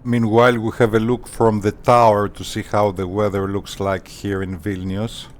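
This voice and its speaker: A man hosting a flight simulator channel, talking casually in deliberate, formal phrases with hesitant pauses. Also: fairly low pitch, level tone. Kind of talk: casual tutorial commentary.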